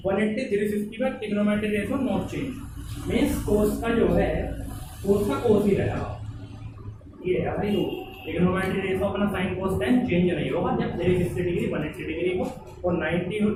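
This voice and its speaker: Man, high voice, maths lecture, urgent repetitions, far from the mic, noisy echoey room. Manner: urges students to answer quickly, repeats words. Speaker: maths teacher.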